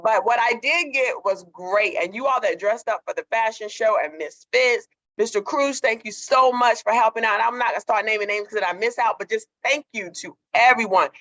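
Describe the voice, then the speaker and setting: A woman's voice: a little high, normal speed, hardly any pauses, dull audio. A woman school staff member speaking over a video call on the school intercom, giving effusive thanks. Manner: warm, effusive thanks, repeating herself. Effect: heard over a video call on the intercom. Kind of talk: school morning announcement.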